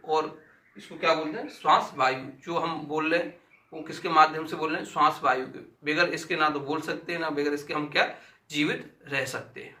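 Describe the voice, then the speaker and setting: A man with a fairly high, very bright voice teaches an exam-prep grammar lesson, recorded in a room with a noticeable echo. He drills each sound by saying it aloud again and again. He poses questions and answers them himself.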